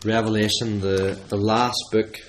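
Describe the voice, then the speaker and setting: Man at a pulpit microphone, low-voiced, reads scripture slowly and deliberately, pausing for emphasis. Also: little pitch movement, slight background noise. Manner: measured, deliberate reading with emphatic pauses. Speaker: church service leader reading scripture. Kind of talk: scripture reading in a church service. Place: church.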